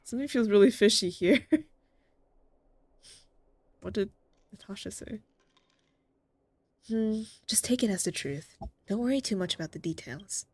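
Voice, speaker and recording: A woman's voice: mid-range voice, unhurried, pauses often, no room sound. A woman streaming a video game, reading its dialogue aloud and reacting expressively as she goes. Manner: expressive, exclaims and laughs at the story.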